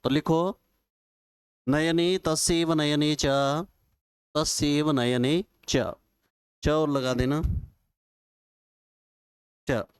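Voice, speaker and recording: A man teaching Sanskrit grammar at a very slow, dictating pace, repeating each phrase for students to copy. His voice is smooth and clear, a little higher than most men's, and sits in a dry, close recording. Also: fairly even intonation, dry recording. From Rajasthan, India. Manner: slow, repetitive dictation with folksy examples. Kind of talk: classroom lecture, dictating notes.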